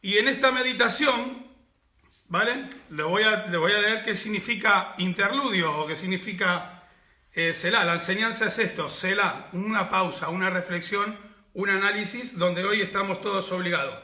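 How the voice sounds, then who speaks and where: Bright, high-voiced man preaching in an echoey room. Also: normal speed. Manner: reflective, repeats key words, asks rhetorical questions. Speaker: pastor. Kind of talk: sermon.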